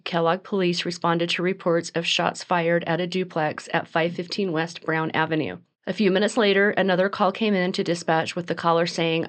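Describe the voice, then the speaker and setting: Podcast host, woman, lowish voice; scripted true crime narration, reads from notes and corrects herself now and then. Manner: reads from notes with small slips and restarts.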